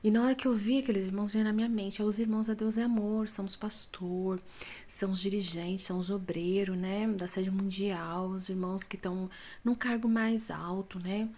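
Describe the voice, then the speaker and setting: A woman's voice: medium pitch, fairly even intonation, normal speed, a little mellow. A Brazilian woman with a Brazilian Portuguese accent recounting a dream as a church testimony, talking casually and addressing her listeners as brothers. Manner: conversational, addresses listeners as brothers and folks, frequent tag questions. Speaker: church member giving a testimony.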